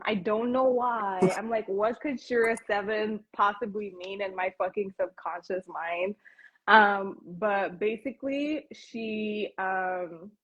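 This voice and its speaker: A woman hosts a casual livestream, talking over a video call. Her voice is husky and her talk is animated and full of slang and swearing, with frequent laughter. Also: mid-range voice, lo-fi sound. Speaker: host.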